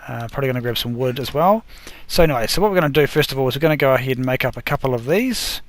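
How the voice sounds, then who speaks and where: A gaming video host talks his way through a session, narrating each crafting step in a mid-range voice that is animated and racing. He trips over words and corrects himself, and his voice sounds a bit worn, as if he is losing it.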